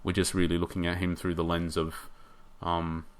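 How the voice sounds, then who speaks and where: A man giving casual game commentary, thinking aloud and rambling with hesitations, his voice getting hoarse. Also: sits low, monotone, moderate pace.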